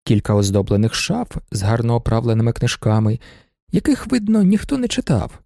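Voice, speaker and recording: A man's voice: medium pitch, animated, brisk, vocal fry, mellow, no room sound, studio quality. A man narrating a novel as an audiobook, telling the story expressively. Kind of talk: scripted narration.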